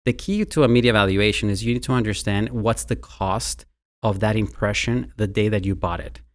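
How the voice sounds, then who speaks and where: His pitch is fairly low and his speech brisk. This Mexican man, a university marketing executive with a Mexican Spanish accent, is a guest in a conversational interview and regularly repeats words as he starts sentences.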